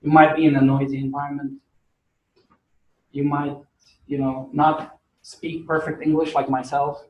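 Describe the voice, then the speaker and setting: A Portuguese man with a Portuguese accent gives a casual, chatty university lecture packed with fillers, speaking in a flat, somewhat high voice. He talks a little slowly and pauses often. The recording, made in a lecture hall, sounds muffled and echoey.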